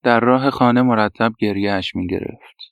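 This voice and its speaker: A man narrating a story in a quiet, even storytelling voice. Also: medium pitch, smooth, no room sound. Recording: dull, dry lo-fi recording.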